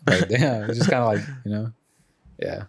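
A man's voice: fairly low pitch, moderate pace, vocal fry, slightly rough. A man hosting a podcast in casual, slangy, rambling banter with swearing. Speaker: podcast host.

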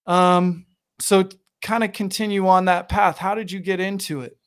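A man's voice: high voice, steady tone, moderate pace. A man in his thirties hosting a casual interview, chatty and laid-back, calling his guest "dude" and "bro". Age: 30s. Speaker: podcast host.

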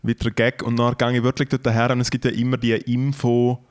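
A man's voice: medium pitch, completely flat delivery, brisk, smooth. Swiss German man, 30s, casual podcast storyteller, rambles and acts out both sides of a conversation.

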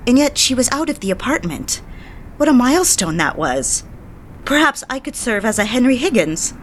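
In an audio drama, an actress plays a genteel, eager young society woman who is both the lead character and the first-person narrator, speaking with proper, polite diction. Her mood is wistful and reflective. Her voice sits on the high side with a sing-song lilt and normal speed, and there is a little hiss or hum.

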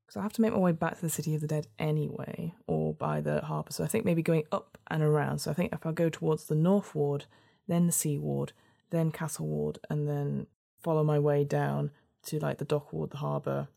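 A woman's voice: deep voice, steady tone, moderate pace, vocal fry, mellow. A woman narrating a gamebook adventure in a storybook reading style, with casual asides as host.

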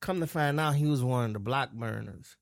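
A man's voice: medium pitch, a little fast, creaky, no room sound. Man from New Orleans, casual podcast chat, swearing storyteller, dry close sound. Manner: animated, profane storytelling.

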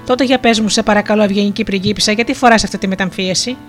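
A woman's voice: medium pitch, soft background music, lightly acted. A woman voicing a shy young fisherman. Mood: polite. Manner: soft-spoken and courteous.

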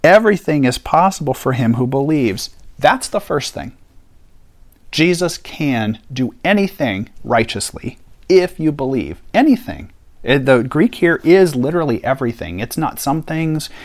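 A man's voice: medium pitch, unhurried. A man teaching a Bible passage on a podcast in an earnest, conversational way, stressing key points by repeating them. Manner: earnest, animated, emphatic repetition.

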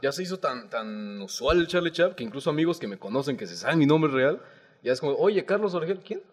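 A Mexican man rattles through his anecdotes at a quick clip as a podcast guest. His voice sits at an ordinary pitch, and his storytelling is playful and chatty. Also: lively intonation. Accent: Mexican Spanish. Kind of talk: casual chat.

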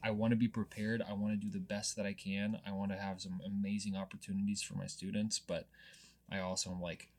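A man's voice: lowish voice, flat delivery, a little fast, darkish tone. A young man co-hosting a podcast and chatting casually as a teacher, meandering and hesitant, with many fillers and restarts. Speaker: podcast co-host, high school teacher.

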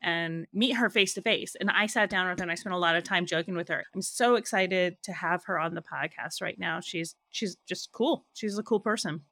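A woman's voice: lowish voice, normal speed, few pauses, pushed and bright. A woman co-hosting a podcast in casual chat, enthusiastic and teasing. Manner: enthusiastic, teasing, talks at length. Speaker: podcast co-host.

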